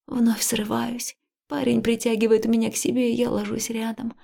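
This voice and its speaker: Husky, whispery woman narrating an audiobook. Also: fairly high pitch, completely flat delivery, moderate pace, dark tone. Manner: intimate, often breathy and whispered, emotional. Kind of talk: first-person scripted narration.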